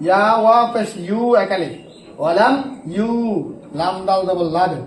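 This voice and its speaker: A man from Bangladesh teaching an online Quran lesson, spelling out letters and vowel marks and then slowly reciting each word. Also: sits high, echoey room, slight background noise, poor audio.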